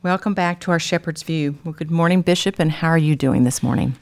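A woman's voice: low-pitched, brisk, soft background music. A woman presenting as the host of a religious discussion program.

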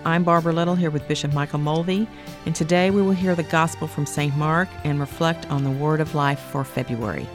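A woman's voice: deep voice, steady tone, a little fast, music in the background. A woman hosting a religious talk program in a conversational way. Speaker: program host.

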